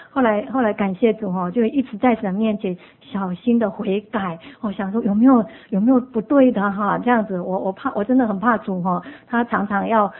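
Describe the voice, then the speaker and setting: A woman giving an earnest, emotional personal testimony in church, mixing stories with laughter. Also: a little high. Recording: tinny phone-like sound.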